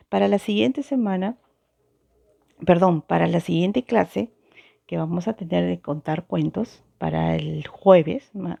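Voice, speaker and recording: A woman's voice: on the low side, creaky, warm tone. A woman teacher explaining storytelling in an online class, often checking in with her students through tag questions. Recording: dull lo-fi recording.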